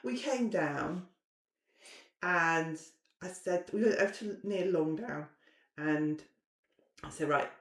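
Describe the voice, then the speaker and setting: A woman's voice: fairly low pitch, takes it slowly, long pauses. A middle-aged woman, a podcast guest telling stories in a chatty, self-mocking way, recorded in a roomy space. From southern England. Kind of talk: casual storytelling chat. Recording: roomy echo.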